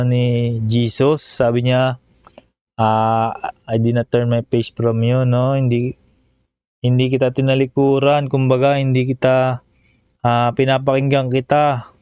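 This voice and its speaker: A man's voice: medium pitch, darkish tone, clean tone. A man vlogging casual reaction commentary over a video, chatty and emotional, often ending phrases with a questioning tag.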